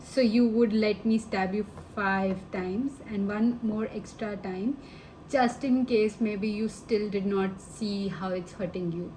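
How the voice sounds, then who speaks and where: A woman's voice: mid-range voice, steady tone, slow, mellow, slight background noise, low-quality recording. A woman giving a casual tarot reading to the viewer, affectionate and rambling, calling them babe and honey. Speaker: tarot reader.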